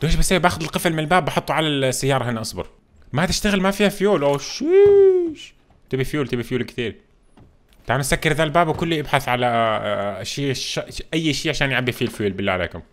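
A man hosting a gameplay video, commenting in an animated, jokey way and exclaiming often. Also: medium pitch, rapid-fire. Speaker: gaming video host.

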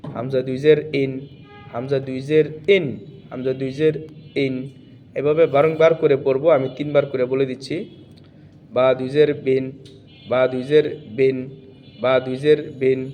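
Man slowly drilling Quran letter sounds. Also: medium pitch, level tone, dull audio, a little hiss or hum. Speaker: Quran reading teacher. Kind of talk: recorded tutorial lesson.

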